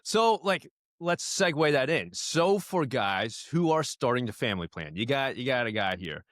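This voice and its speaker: Lively enthusiastic male podcast host. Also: medium pitch, no room sound, studio quality. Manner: enthusiastic, quick to praise, laughs along. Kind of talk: casual podcast conversation.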